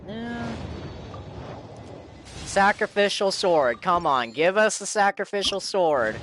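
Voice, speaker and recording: This game streamer's voice is high-pitched and animated yet slow, with a slightly bright tone and a bit of background noise. He chats casually on a livestream while playing a game, playfully repeating himself as if pleading.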